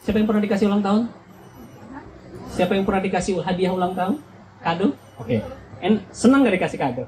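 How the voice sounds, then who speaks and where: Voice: medium pitch, animated, quick pace, pauses often, noisy background. A young adult speaker preaching at a church youth retreat. They act out little scenes and keep quizzing the audience. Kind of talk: lively youth sermon.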